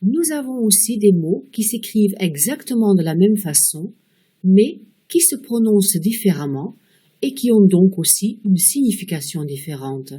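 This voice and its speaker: A woman teaching a pronunciation lesson, explaining rules step by step and slowing down to model each example word. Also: mid-range voice, lively intonation, mellow, breathy edge. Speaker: language teacher. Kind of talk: slow, careful pronunciation lesson.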